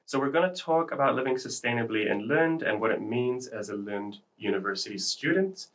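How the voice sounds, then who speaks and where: A man's voice: medium pitch, expressive, a little fast, fairly bright tone, rough recording. A man hosting a university podcast in a studio, introducing the show and asking guests upbeat questions. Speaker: podcast host. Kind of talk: scripted podcast intro and interview.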